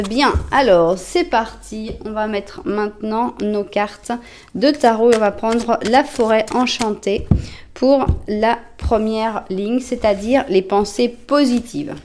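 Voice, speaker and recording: Woman, tarot reader, casual reading for viewers, middle-pitched voice, chatty, reassuring, lots of fillers and self-corrections. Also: slight background noise. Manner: talks directly to the viewer, gentle and reassuring.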